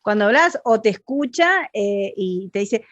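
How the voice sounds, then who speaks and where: A woman's voice: medium pitch, lively intonation, a little slow, dry recording, dull audio. A woman with an Argentine accent hosting an interview, chatty and agreeable in a casual conversation. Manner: chatty, agreeable, with frequent assent. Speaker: interview host.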